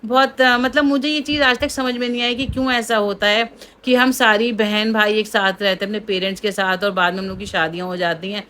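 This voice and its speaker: A young woman hosting a cooking vlog, talking casually and at length to her viewers. She keeps turning to them as friends in an easy, chatty flow. Her voice is bright and clear. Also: mid-range voice, steady tone, brisk, slight background noise. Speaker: cooking vlogger.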